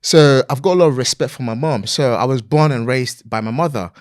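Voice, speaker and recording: A man's voice: mid-range voice, a little fast, dry recording. A man in his forties talks as a podcast guest, earnest and motivational, leaning on fillers. His mid-range voice is recorded close and dry, with no room sound. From Nigeria. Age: 40s. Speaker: podcast guest, property investor. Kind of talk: relaxed interview conversation.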